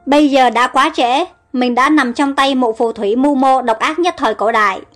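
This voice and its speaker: An earnest, pleading young heroine with a high voice, as a woman storyteller puts her on. Faint music runs behind. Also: moderate pace, fairly bright tone. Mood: alarmed. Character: young woman, trusting then frightened.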